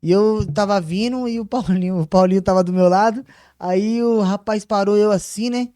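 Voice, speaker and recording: A man co-hosting a church talk show, telling a personal story with lively acted-out voices. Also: high-pitched, moderate pace, no room sound, studio quality. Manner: animated storytelling, acts out voices. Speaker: co-host. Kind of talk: casual testimony chat.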